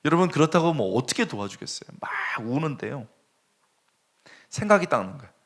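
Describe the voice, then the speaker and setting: A male pastor preaching a sermon, telling a story with animated swings between hushed and raised delivery. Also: a little high, a little fast. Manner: animated storytelling, dropping to a hush and rising sharply.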